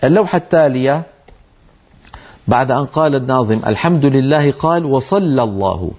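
A man's voice: mid-range voice, animated, fairly quick, darkish tone. A man giving a religious lesson, explaining terms step by step and repeating key words. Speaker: teacher. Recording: dull lo-fi sound.

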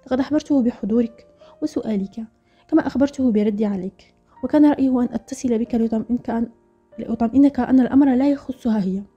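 A woman doing a calm hushed young nurse. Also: on the high side, rapid-fire, slightly rough. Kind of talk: storybook narration. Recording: dull lo-fi audio with faint music.

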